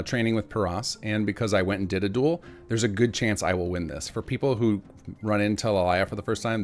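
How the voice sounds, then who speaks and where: A man doing informal, explanatory gameplay commentary in a lowish voice with heavy vocal fry. He talks quickly, with faint music behind him. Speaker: game mod developer giving a demo.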